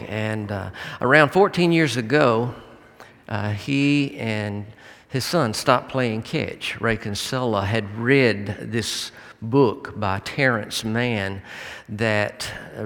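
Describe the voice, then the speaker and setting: A preacher retelling a film story in a sermon, halting with fillers and restarts. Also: male voice, medium pitch, a bit bright, long reverb tail.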